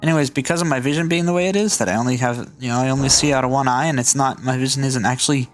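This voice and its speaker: A man's voice: medium pitch, steady tone, very fast, soft background music. A man hosting a game video, explaining things casually as he plays. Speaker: gaming channel host.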